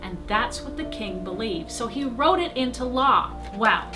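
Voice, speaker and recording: A woman's voice: on the high side, expressive, normal speed, over music. A woman working as a children's pastor, telling a story casually to kids in short, emphatic sentences.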